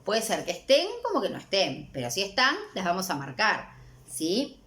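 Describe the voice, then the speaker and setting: A Uruguayan woman teacher walks a student through a recorded lesson. Her pitch moves a lot and stays animated as she pauses to check in. She speaks in a friendly, encouraging tone. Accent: Uruguayan Spanish. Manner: warm, checks in with repeated "¿sí?". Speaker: language teacher. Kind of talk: recorded exam-prep lesson.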